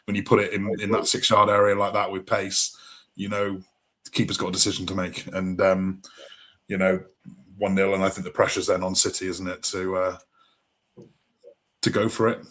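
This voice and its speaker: A man's voice: low voice, completely flat delivery, normal speed, long pauses, fairly bright tone. A man co-hosting a casual football podcast, a referee himself, talking things through with many fillers and tag questions. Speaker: co-host, referee.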